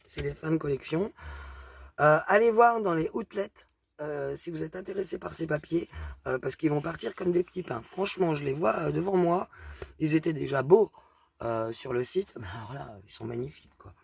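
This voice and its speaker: Gravelly chatty woman with a thick accent. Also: low voice, expressive, moderate pace, no room sound. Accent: strong regional accent. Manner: chatty, hesitant, lots of fillers. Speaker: craft vlogger showing a haul. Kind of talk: casual product show-and-tell.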